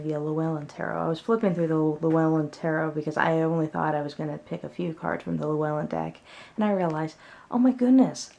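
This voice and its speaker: A woman's voice: sits low, creaky, darkish tone. A woman chatting casually at home as she presents her favorites in a vlog. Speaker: tarot deck reviewer.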